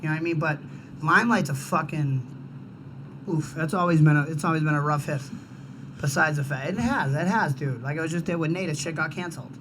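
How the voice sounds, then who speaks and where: A man's voice: on the high side, a little fast, background noise. A man with a Boston accent, co-hosting a comedy podcast, rambling and cutting in with profane asides. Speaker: podcast co-host. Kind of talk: casual chat.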